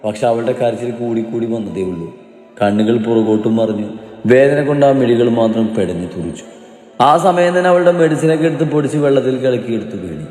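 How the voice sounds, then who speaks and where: Guy telling an emotional story, expressive and dramatic, mellow voice, echoey room. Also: medium pitch, fairly quick, faint music behind. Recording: roomy reverberant room.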